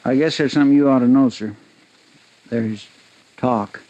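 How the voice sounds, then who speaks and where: An actor playing an eager, deferential young deputy with a folksy drawl in a 1950s radio drama. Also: male voice, medium pitch, moderate pace, dark tone, muffled recording, lightly acted. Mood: worried.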